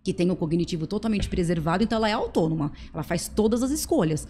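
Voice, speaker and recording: A woman's voice: fairly low pitch, lively intonation, fast talker, mellow, slight background noise. A Brazilian woman, a middle-aged occupational therapist, explaining ideas step by step with simple everyday examples in a podcast interview recorded at a clinic. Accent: Brazilian Portuguese. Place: clinic room.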